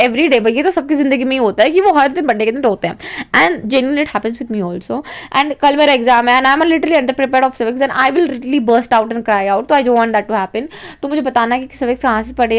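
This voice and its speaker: A teenage girl with an Indian accent chatting casually in a study vlog, mixing Hindi and English and mocking herself. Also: high voice. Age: teens. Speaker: student vlogger.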